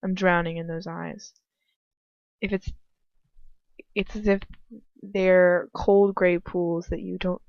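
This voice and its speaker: This is a woman's lowish, darkish voice giving an amateur, irreverent reading of fan fiction. She keeps stumbling, giggling, and slipping into casual asides laced with swearing. The audio is a muffled, lo-fi home recording with a roomy echo.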